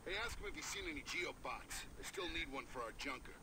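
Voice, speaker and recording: A man's voice: mid-range voice, fast, close to an everyday voice. A man voicing a sarcastic, grumbling, foul-mouthed soldier in a video game. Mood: sarcastic, irritated. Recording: game audio under loud noise.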